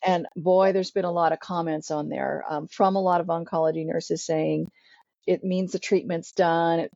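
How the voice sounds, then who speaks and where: A woman podcast host explaining a point in a measured way. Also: lowish voice, fairly even intonation, creaky, dark tone, dry recording. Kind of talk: casual podcast chat. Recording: dull lo-fi sound.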